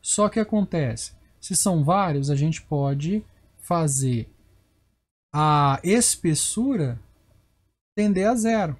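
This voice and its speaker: A man's voice: on the high side, animated, slow pace. A male math teacher with a Brazilian Portuguese accent, giving a recorded lecture and checking in with viewers as he explains each step.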